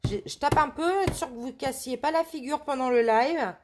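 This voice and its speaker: Woman, slightly high voice, relaxed live craft host, hesitant and chatty. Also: moderate pace, background noise. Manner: chatty, hesitant, many fillers and restarts. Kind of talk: casual live demonstration. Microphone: camera on a tripod.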